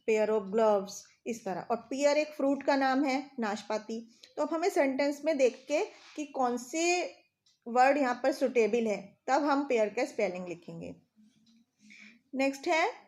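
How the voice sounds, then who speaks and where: Woman, Indian accent, English teacher, fairly high voice, spells words letter by letter. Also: darkish tone. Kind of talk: vocabulary lesson in Hindi.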